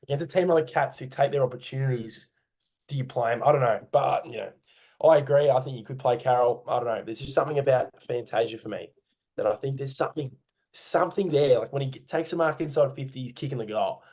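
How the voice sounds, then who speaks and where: A fast-talking Australian man, his mid-range voice a little mellow, co-hosts a casual sports podcast recorded in a room at home. He meanders, hesitates and corrects himself as he goes.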